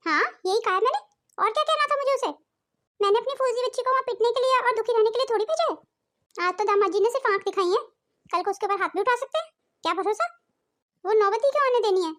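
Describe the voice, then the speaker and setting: A woman voicing a domineering, quick-tempered older mother-in-law in a cartoon, scolding and bossy. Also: very high-pitched, expressive, fairly bright tone. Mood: indignant. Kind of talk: cartoon voice acting.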